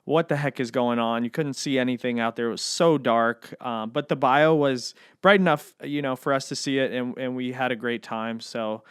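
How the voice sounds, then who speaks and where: A man hosting a podcast, talking in a relaxed, chatty way with frequent ums. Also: medium pitch, normal speed, few pauses, clean tone, no room sound, clean studio sound. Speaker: podcast host. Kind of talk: casual podcast chat.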